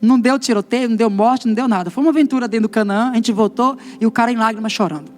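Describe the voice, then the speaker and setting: A middle-aged man with a Brazilian Portuguese accent, a pastor giving a testimony sermon and telling his story in a lively way, acting out the dialogue. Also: extremely high pitch, racing, faint music behind.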